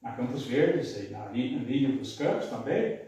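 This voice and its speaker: A man's voice: medium pitch, lively intonation, unhurried, warm tone. A middle-aged man, a radio announcer and singer, telling rambling, folksy anecdotes in casual podcast conversation. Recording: echoey room, mic at a distance.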